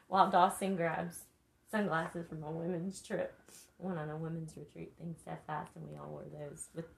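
A woman, a mother talking with her son in a casual heart-to-heart chat, gentle, earnest and encouraging, speaking of faith. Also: fairly low pitch, steady tone, unhurried, gravelly, a little hiss or hum.

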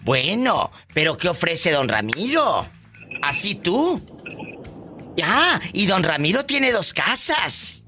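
Man, radio host, very lively pitch, bright tone, teasing. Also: faint music behind. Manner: teasing, flamboyant, quick jokes. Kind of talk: playful radio call-in banter.

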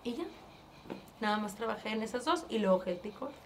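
A woman from northern Mexico with a northern Mexican accent, telling her story as an interview guest in a casual, animated way, acting out past conversations and often restarting her sentences. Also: mid-range voice, fairly quick, a little hiss or hum. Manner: animated, acts out past dialogue, frequent restarts.

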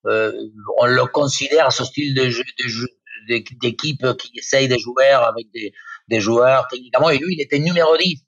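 A man's voice: mid-range voice, moderate pace, a bit bright, no room sound. A man in his fifties with an Argentine accent, a native Spanish speaker, talks football as a guest pundit. He hesitates often, restarting phrases and filling gaps as he searches for words. The recording is dull and lo-fi, with a dry, close sound. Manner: hesitant, many fillers and restarts. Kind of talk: radio football talk.

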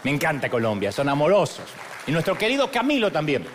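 A man's voice: a little high, huge pitch swings, fast, some chatter behind, a little hiss or hum. A man with an Argentine accent giving a humorous, sermon-style talk, telling stories in a playful, self-mocking way. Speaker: motivational speaker.

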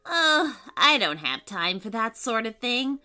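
A woman's voice: fairly high pitch, very animated, a little slow, bright, forceful tone, exaggerated voice. A woman voicing a prim, fussy female bat who is politely dismissive.

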